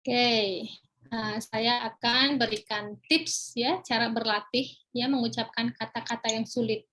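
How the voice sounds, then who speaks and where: A woman giving a pronunciation webinar lesson, dropping "ya" and "nah" into nearly every phrase and slowing down for her English example phrases. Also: on the high side, fairly even intonation, bright, forceful tone.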